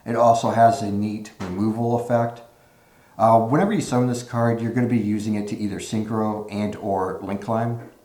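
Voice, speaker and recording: Male YouTuber, lowish voice, relaxed explainer with "uh" fillers; low-quality echoey room audio. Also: moderate pace. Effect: low-quality audio without his usual mic. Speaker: card game YouTuber. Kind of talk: casual deck walkthrough. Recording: echoey room on a makeshift mic.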